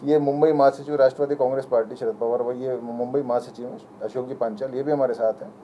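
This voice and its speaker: A young adult man acting as a community spokesman gives an impassioned statement to the press, pleading and indignant, speaking rapidly and emphatically. His voice is medium-pitched, steady and warm, with a bit of hiss or hum in the audio.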